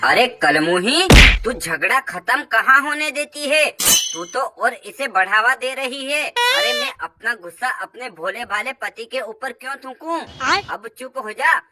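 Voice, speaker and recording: A woman voicing a sharp-tongued older mother-in-law in a cartoon comedy, full of scolding threats. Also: on the high side, very animated, unhurried, very noisy. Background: loud music.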